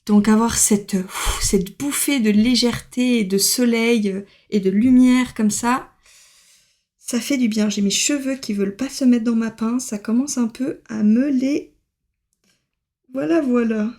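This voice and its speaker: A woman's voice: fairly high pitch, measured pace, a little mellow. A woman giving a casual tarot reading to camera, chatty, with many fillers and laughs. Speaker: tarot card reader.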